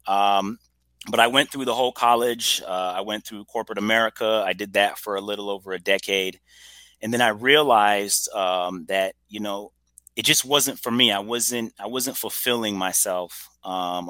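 Upbeat guest, a man in his forties from Trinidad and Tobago, lowish forceful voice, dry sound. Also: no echo. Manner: upbeat, chatty storyteller. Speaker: podcast guest, entrepreneur. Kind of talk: casual interview storytelling.

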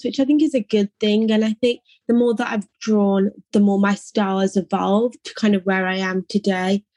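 A woman's voice: mid-range voice, no room sound. Young English woman, reflective and dry. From England. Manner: soft-spoken, reflective, frequent "like" and "I think". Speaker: artist interviewee. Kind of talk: casual interview answers.

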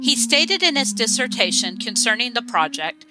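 A woman giving scripted documentary narration in a measured, even manner. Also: fairly high pitch, very noisy. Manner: measured, reads quotes aloud. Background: music.

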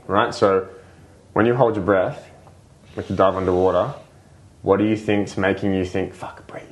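Low-voiced man explaining breathwork. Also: steady tone, normal speed. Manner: explains patiently, many fillers and "right?" checks. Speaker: breathwork coach, podcast guest. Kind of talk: casual explanatory interview talk.

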